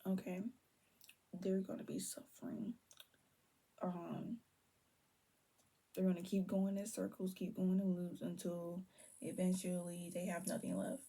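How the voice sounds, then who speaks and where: A young woman talks viewers through a tarot spread in an unhurried, hushed way, often dropping into soft whispers. Her voice is deeply breathy and husky, with a gravelly rasp at the ends of phrases and a mellow, dark tone. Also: monotone. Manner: drifts between low talk and soft whispers, trails off; holds her voice down on purpose. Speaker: tarot reader. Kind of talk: casual tarot reading to viewers.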